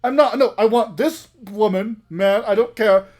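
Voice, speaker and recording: A man's voice: sits high, normal speed, a crowd in the background. A man playing a tabletop role-playing game, speaking insistently to the game master. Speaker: player.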